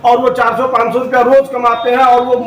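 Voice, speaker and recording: A male dealer delivers a persuasive, explanatory sales pitch. His voice is strikingly high, picked up off-mic in an echoey space. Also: monotone, a little fast. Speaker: motorbike dealer. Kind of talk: interview answers as a sales pitch. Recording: echoey, distant mic, faint noise.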